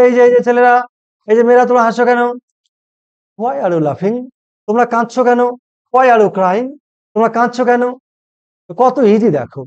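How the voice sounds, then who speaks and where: A man's voice: very high-pitched, a little mellow. Upbeat male English teacher, dull audio. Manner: repeats each question, then says it slowly in English; upbeat, keeps calling things easy. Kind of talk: spoken English lesson.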